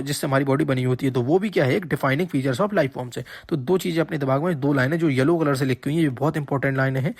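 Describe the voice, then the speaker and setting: A man's voice: on the high side, no room sound, studio quality. Patient man teaching a lecture. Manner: explains patiently, repeats key points, checks understanding. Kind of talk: exam-prep lecture.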